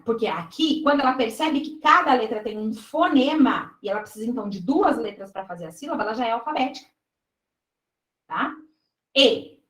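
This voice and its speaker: A woman teaching exam prep in Brazilian Portuguese has a voice on the high side with a fairly bright tone, heard in an echoey room with poor audio. She reviews exam questions step by step, checking in with her students as she goes.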